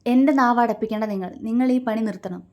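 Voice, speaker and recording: A woman's voice: mid-range voice, fairly even intonation, moderate pace, mellow, lightly acted. A woman reading a story aloud, voicing a stubborn young woman who speaks sharply and defiantly.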